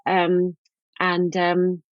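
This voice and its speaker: A woman's voice: on the low side, monotone, very slow, dry recording, highs cut off. A middle-aged woman from England, a guest author telling stories in a casual podcast interview, chatty with frequent ums.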